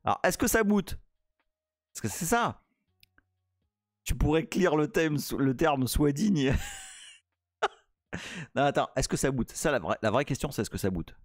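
A French man hosting a casual live-coding stream, playful and excitable, chatting to viewers as he works. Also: fairly high pitch, unhurried, pauses often, no echo, studio quality. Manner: playful, excitable, reads chat aloud.

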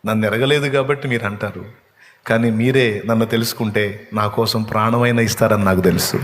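A man preaching a sermon, impassioned, climbing to emotional peaks and then dropping to a soft voice. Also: lowish voice, fairly even intonation, a little fast, slight background noise. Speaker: pastor. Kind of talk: Telugu sermon with told stories. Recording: long hall reverb.

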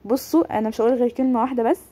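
A woman gaming content creator with an Egyptian Arabic accent talks to her followers in a casual vlog. Her voice is a little high with a dark tone. She speaks rapidly and defensively, often checking they follow and repeatedly asking "okay?"

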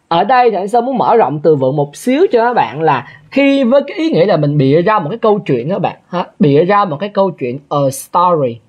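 A man's voice: fairly high pitch, highs cut off. A male English teacher, going over an exam in a chatty way and often checking that listeners follow. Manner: chatty, keeps asking listeners to confirm. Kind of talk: exam review lesson.

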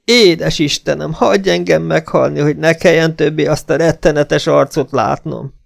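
A frantic older woman servant wails in high, shrill, drawn-out cries, as a male audiobook narrator puts her on. Her voice sits far above a man's usual pitch and carries a gravelly edge. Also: expressive, dry recording, studio quality, heavily acted. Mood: wailing.

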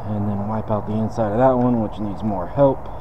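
A relaxed man with a drawl talks through a detailing job in an easygoing, unhurried way. His voice sits a bit low, and steady shop noise runs clearly behind him. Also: muffled recording. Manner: laid-back, talks while working. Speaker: car detailer. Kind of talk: casual how-to demonstration.

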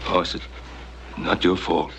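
A middle-aged actor playing a grave, compassionate rancher father in a TV western, with a North American accent and measured, authoritative delivery. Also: natural voice. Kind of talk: TV western drama acting. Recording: noisy old television soundtrack.

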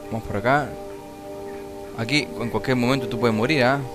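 A man with a Chilean accent hosting a gaming channel, muttering casual commentary as he plays and now and then yelping and swearing at the game. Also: fairly even intonation. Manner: slow, muttering, bursts into high yelps and swearing at the game. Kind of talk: casual let's-play commentary. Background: game music.

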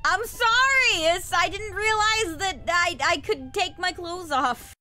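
A woman livestreamer giving excitable, exclaiming game commentary with plenty of swearing. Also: very high voice, measured pace. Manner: animated, exclaiming and squealing. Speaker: livestreamer playing a video game. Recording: game music behind the voice. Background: game music and sounds.

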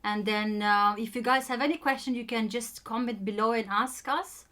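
A woman's voice: fairly high pitch, steady tone, moderate pace, a bit bright. Young romanian-accented woman chatting to camera, lots of ums, restarts, easygoing. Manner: hesitant, full of ums and restarts. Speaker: vlogger telling her own story. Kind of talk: casual chat.

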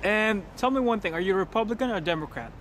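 Young man, casual filler-heavy street interviewer, high-ish voice, camera mic with heavy traffic noise. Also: lively intonation, fast. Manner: chatty, filler-heavy questions. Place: city sidewalk outdoors. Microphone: camera mic, behind the camera. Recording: loud street noise outdoors.

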